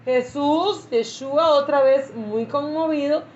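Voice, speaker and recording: A woman pastor teaching a Bible class, reading scripture slowly and repeating phrases for emphasis. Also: high voice, darkish tone. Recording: echoey, muffled lo-fi recording.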